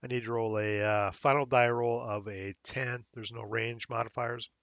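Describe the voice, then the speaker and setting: A man with a slightly hoarse voice walks through game rules in a relaxed, thinking-aloud way, dropping fillers as he checks details. The recording is close and dry with no room sound, and a bit dull in the highs. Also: moderate pace, no room sound. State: slightly hoarse, losing his voice. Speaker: wargame tutorial host.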